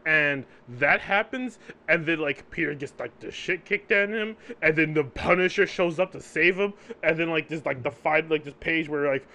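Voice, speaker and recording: Casual higher-voiced man, "right?" tags. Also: normal speed, few pauses, sharp tone. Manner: laughs often between points. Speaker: podcast co-host. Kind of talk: casual comic book discussion.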